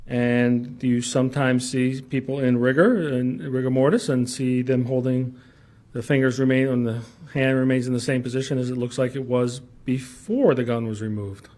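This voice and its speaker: Halting male lawyer in a courtroom recording. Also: medium pitch, level tone, a little mellow. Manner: halting, repeats words, pressing questions. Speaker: defense attorney cross-examining. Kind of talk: courtroom cross-examination.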